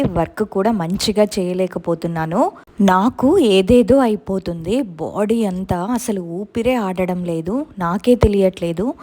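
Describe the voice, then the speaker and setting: Young woman earnestly recounting a ghost story. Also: medium pitch. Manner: earnest, steady retelling, slipping English words into her speech. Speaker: storyteller recounting her own experience. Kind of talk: first-person ghost story narration.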